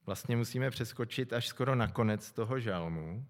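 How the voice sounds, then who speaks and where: A middle-aged man preaching a sermon, calm and reflective, often pausing to think aloud. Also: medium pitch. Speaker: pastor. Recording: long echo from a large hall.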